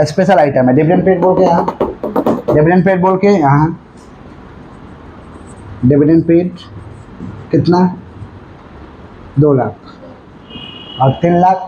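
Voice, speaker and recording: A male commerce teacher giving a classroom lecture, asking the class again and again if they follow, and slowing right down to dictate. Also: on the high side, mellow, dull audio, slight background noise. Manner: repeatedly checks understanding with questions; dictates slowly, then rattles off explanations.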